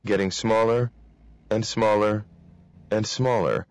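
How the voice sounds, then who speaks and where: Low-voiced man reading a novel aloud. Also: no room sound. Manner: steady, measured reading. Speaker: reader.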